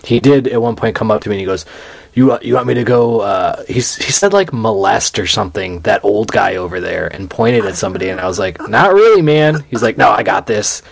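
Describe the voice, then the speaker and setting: A man's voice: fairly low pitch, fairly quick, creaky, breathy edge, no echo. A man co-hosting a podcast remotely, chatting casually in an easygoing, amused way. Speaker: podcast co-host. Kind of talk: casual chat. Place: home, remote podcast recording.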